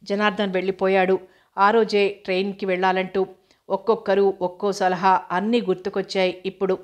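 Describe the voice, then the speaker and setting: A woman reading a novel aloud in a steady, even voice. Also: mid-range voice, a little fast. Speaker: audiobook narrator.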